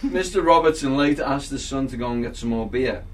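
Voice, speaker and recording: A man's voice: mid-range voice, a little fast, a crowd in the background. An Irish man telling a news story in casual chat, laughing as he goes and swearing freely.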